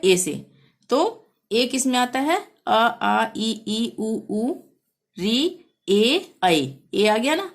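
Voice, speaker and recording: A woman teaching English grammar, patiently repeating example words and sentences slowly for her pupils. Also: a little high. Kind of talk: explaining a grammar lesson.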